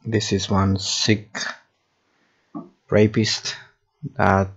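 A man's voice: lowish voice, flat delivery, extremely slow, slightly rough, dull audio. A man giving casual commentary while playing a video game. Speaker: gamer.

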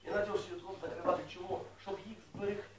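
High-voiced man preaching in an echoey hall. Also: level tone, quick pace. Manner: folksy, asks the congregation questions, rises to loud reading. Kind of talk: sermon. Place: church hall. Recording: echoey room, mic at a distance.

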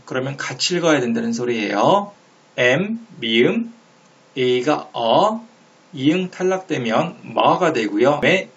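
A man's voice: on the high side, dull audio. A man teaching English pronunciation step by step, drawing out and repeating each sound for the learner. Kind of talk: step-by-step phonics lesson.

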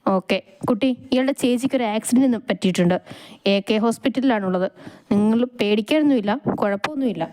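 A woman voicing a calm young man who gives news in a matter-of-fact way. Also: a little high, fast, natural voice.

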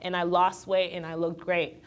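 She is a fitness trainer and entrepreneur from Guyana, in her twenties, appearing as a guest in a relaxed interview. Her fairly low voice moves at normal speed over slight background noise as she talks openly, laughs readily, and does lively impressions when quoting others.

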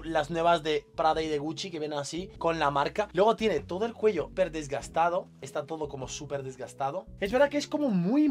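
Excitable young Spanish man vlogging. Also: a little high. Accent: Spain Spanish. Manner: excitable, slangy, shouts in bursts. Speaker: fashion unboxing youtuber. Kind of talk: casual vlog chat.

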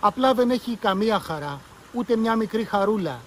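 A man voicing a bossy, sharp-tongued young girl in a read-aloud story, speaking in a raised, scornful way. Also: high voice, animated, slight background noise, voice pushed up.

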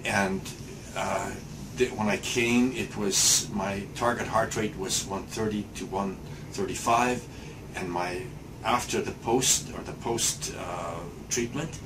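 In a noisy small clinic room, a sixty-something man gives a patient testimonial through casual interview answers, hesitant and full of fillers and restarts. He speaks slowly in a lowish, steady voice.

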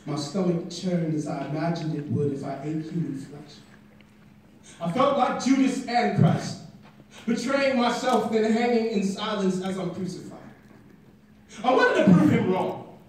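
A young man performing spoken word poetry at a stand mic in a classroom, building from quiet intensity to shouting, filmed from the audience. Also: high-pitched, measured pace, slight background noise. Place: classroom at a conference, indoors. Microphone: stand mic, filmed by a phone from the audience. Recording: echoey room from far off.

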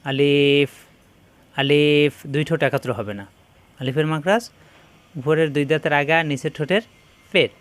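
A man teaching a Quran pronunciation lesson, drawing out each Arabic letter sound slowly and firmly. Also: a little high, animated. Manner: slow, drawn-out demonstration of letter sounds.

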